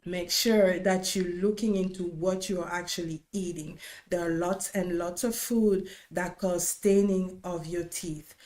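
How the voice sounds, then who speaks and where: Her fairly low, darkish voice stays steady and unhurried, with hardly any pauses. A Congolese-accented dentist from the Democratic Republic of Congo, she hosts an informal educational livestream, repeating key points for emphasis in a conversational, instructive manner.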